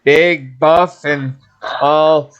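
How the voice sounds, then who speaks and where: A man playing a tabletop role-playing game, speaking in a halting way with fillers. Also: on the high side, steady tone, fairly bright tone, smooth, dull audio. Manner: halting, slow speech with fillers. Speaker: player.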